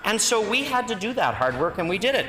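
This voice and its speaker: A Canadian-accented opposition member speaks in a parliamentary debate, his high-pitched voice very animated, sharp and quick. He's combative, critical and emphatic, and his words echo through the large, reverberant legislative chamber.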